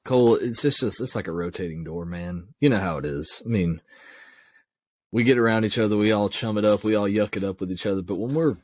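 A man's voice: on the low side, fairly quick, a little mellow, no room sound. A man, co-hosting a podcast in casual, enthusiastic, folksy chat. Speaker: podcast co-host.

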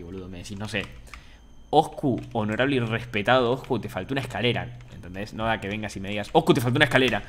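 A young man with an Argentine accent chatting casually on a gaming stream, joking with viewers and swinging from low mumbles to shouts. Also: slight background noise. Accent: Argentine Spanish. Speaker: Minecraft streamer.

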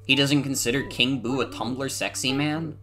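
A game streamer chatting casually and commenting live in an animated, exclamatory way, with some swearing. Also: mid-range voice, normal speed, faint music behind.

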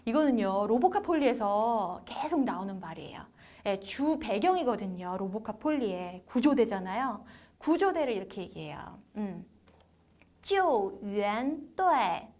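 A woman's voice: mid-range voice, big pitch swings, moderate pace, a little mellow. A young woman teaching beginner Chinese in an encouraging way, acting out tones by sliding her voice up and down. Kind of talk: lively language lesson for beginners.

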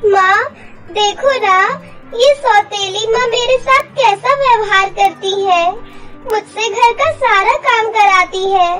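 A woman's voice: very high voice, fairly bright tone, pitched above the performer's own voice, exaggerated voice. A woman voicing a tearful, mistreated young girl in a cartoon story, pleading and weepy.

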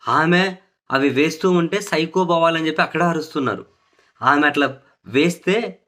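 A man's voice: fairly high pitch, sharp tone. A man delivering opinionated political commentary, sarcastic and indignant, hammering points home by repeating phrases.

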